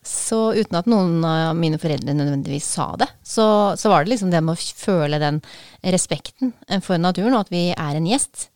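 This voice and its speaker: A woman with a smooth, resonant voice talks through a book in a relaxed, thoughtful way, pausing often with small hesitations. The sound is close and dry, with no room around it. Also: on the low side, dry recording. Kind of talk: casual book talk.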